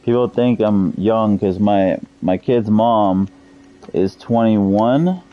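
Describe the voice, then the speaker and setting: A man in his thirties chats loosely with viewers while he plays, swearing often. His voice sits very low. The stream audio is a bit dull and lo-fi. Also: slow pace. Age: 30s. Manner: profane, loose, chatty with viewers. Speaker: game streamer. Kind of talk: casual live-stream chat.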